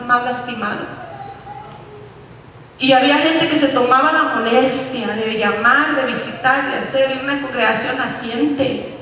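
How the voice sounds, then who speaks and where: A woman pastor delivering an impassioned, emotional sermon with dramatic pauses. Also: high-pitched, fairly bright tone, a little hiss or hum. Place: church sanctuary. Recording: echoey church hall from far off.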